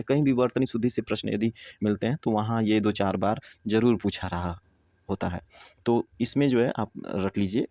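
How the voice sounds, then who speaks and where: A man with a low, mellow voice teaches an exam prep lesson, walking through each answer step by step. He repeats words slowly as he explains. The sound is dull and close. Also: no echo.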